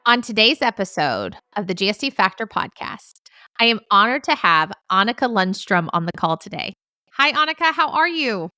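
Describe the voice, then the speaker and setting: A woman's voice: medium pitch, big pitch swings, normal speed, pushed and bright, dry recording, faint music behind. A woman hosting a podcast, introducing her guest and interviewing with effusive, enthusiastic praise. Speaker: podcast host.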